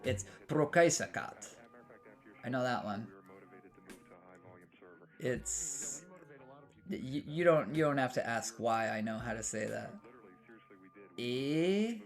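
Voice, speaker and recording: A man's voice: mid-range voice, lively intonation, slow pace, pauses often, soft background music. A young American man streaming a game, rambling casually and answering his chat with many restarts. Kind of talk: casual live-stream chat while gaming.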